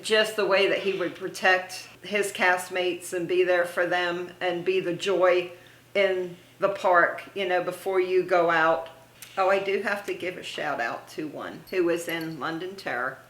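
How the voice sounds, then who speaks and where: A woman's voice: on the low side, steady tone, unhurried, fairly bright tone, reverberant, a little hiss or hum, poor audio. A middle-aged woman being interviewed as a guest, reminiscing casually and gushing with praise, laughing often. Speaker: interview guest, theme park haunt performer.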